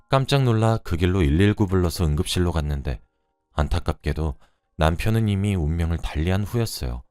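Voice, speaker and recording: A man giving scripted first-person narration of a wife's story in a measured tone. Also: low-pitched, a little mellow, no echo, studio quality.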